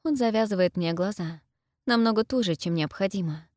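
A young adult woman narrating a first-person story as an audiobook reader, in a steady, measured way. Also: medium pitch, no room sound, studio quality.

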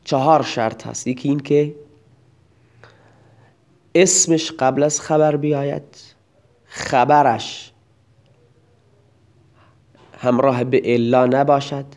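A man's voice: medium pitch, steady tone, long pauses, a little mellow. Man giving a methodical grammar lesson. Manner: methodical, explains word by word. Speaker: teacher of Arabic grammar.

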